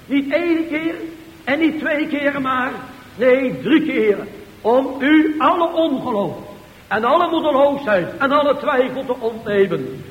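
A man preaching a sermon with fervour, asking rhetorical questions and swinging between loud and hushed. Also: extremely high pitch, animated, a little slow, highs cut off. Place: church. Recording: echoey church hall with faint hiss.

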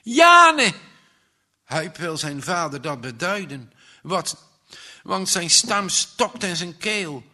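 A man reading a story aloud in a dramatic way, swelling loudly at the tense moments. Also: a little high, slow pace.

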